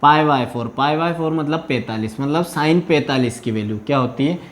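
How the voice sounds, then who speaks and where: A man's voice: on the high side, a little fast. A man from India teaching maths in a video lesson, working through problems step by step and often checking that students follow. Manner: patient, repeats "है ना" to check understanding.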